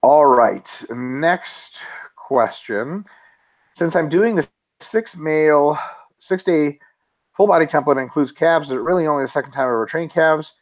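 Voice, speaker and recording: Co-hosting a casual webinar Q&A, a man reads out listener questions and answers them bluntly and emphatically, swearing freely. His voice is fairly high and expressive, and he speaks unhurriedly over lo-fi audio.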